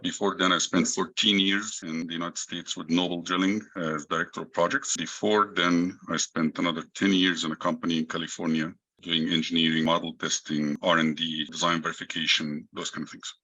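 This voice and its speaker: A middle-aged man from Egypt talks quickly in a very low voice. His tone is husky yet bright and forceful. He explains things in a measured way as a podcast guest. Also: level tone, rough recording. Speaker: guest, engineering executive. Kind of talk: interview answers.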